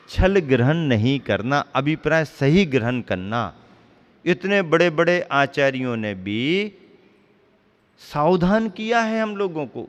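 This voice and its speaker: A man giving a sermon as a Jain monk, teaching slowly and deliberately with playful wordplay. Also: a little high. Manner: slow, deliberate teaching with wordplay, stretching words apart for emphasis. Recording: long hall reverb.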